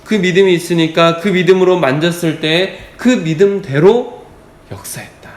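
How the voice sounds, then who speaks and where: A pastor preaching an emphatic, repetitive sermon at a dawn prayer service in a church. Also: male voice, high voice, moderate pace. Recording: echoey church hall.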